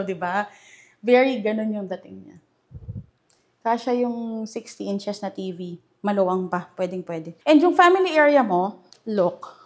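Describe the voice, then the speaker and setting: A young woman with a Filipino accent giving a casual house tour, chatty and enthusiastic as she points out features room by room. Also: fairly high pitch. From Philippines. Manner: chatty and enthusiastic, mixing Tagalog and English. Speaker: real estate house tour host. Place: indoors in a furnished house.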